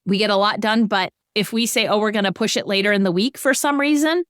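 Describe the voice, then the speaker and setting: A woman's voice: medium pitch, fast talker, no echo, clean studio sound. A middle-aged woman on a financial podcast, explaining goal-setting with everyday examples in a conversational way.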